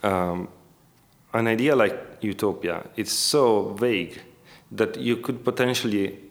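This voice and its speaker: Low-pitched, careful academic man. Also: unhurried. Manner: hesitant, careful academic phrasing with frequent rewording. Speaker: academic researcher, interviewee. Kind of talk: scholarly interview discussion.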